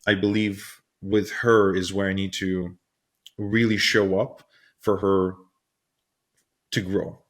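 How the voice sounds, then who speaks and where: A man's voice: low voice, little pitch movement, takes it slowly, long pauses. A man hosting a podcast interview, reflecting thoughtfully and searching for his words. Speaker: podcast host.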